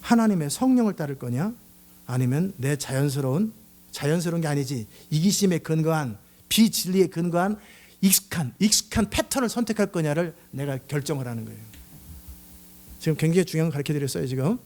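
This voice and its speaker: A man's voice: on the high side, fairly quick. A middle-aged male pastor preaching a sermon, acting out angry outbursts and jokes as he goes. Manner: animated, acts out angry outbursts and shouts.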